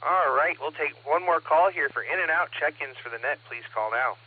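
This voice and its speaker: A man running an amateur radio net as net control, taking check-ins in a steady, methodical way and reading back call signs, heard through a two-way radio transmission. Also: on the high side, normal speed, husky. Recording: narrow, phone-like radio audio.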